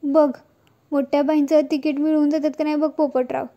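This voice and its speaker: A woman's voice: high voice, level tone, fairly quick, mellow, dull audio. A woman voicing a gossipy village man at a tea stall who claims inside knowledge. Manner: knowing, gossipy.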